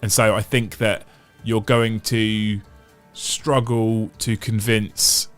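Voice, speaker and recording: A man in a fairly low, fairly bright voice hosts a casual livestream. He chats, reads out what viewers write, and thinks aloud at length, with frequent restarts and repeated phrases.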